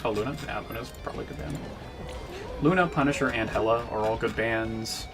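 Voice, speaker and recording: A young man chatting casually while playing a game, laughing often and sometimes rushing his words. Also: mid-range voice. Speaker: streamer and video creator. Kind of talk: casual gaming chat. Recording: game music under voice.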